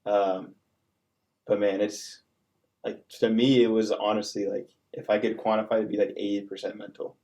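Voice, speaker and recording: A man's voice: fairly low pitch, little pitch movement, moderate pace, darkish tone. A young man, a college student-athlete, talking earnestly in a casual podcast chat with many fillers. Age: young adult.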